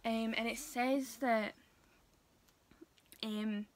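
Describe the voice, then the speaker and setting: A young woman talking casually to her viewers in a vlog, hesitant and full of pauses and fillers. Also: on the high side, steady tone. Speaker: vlogger. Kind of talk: casual vlog talk to camera.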